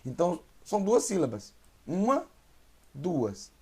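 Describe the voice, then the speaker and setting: A man teaching a Hebrew reading lesson, patiently sounding out syllables and repeating words slowly. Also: high voice, big pitch swings, breathy edge. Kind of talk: online language lesson.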